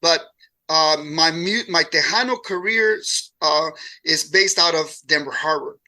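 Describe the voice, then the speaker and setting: High bright-voiced man telling stories. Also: unhurried. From born in Mexico, raised in Houston, Texas. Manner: relaxed storytelling with many repeated words. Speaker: musician guest. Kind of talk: casual interview chat.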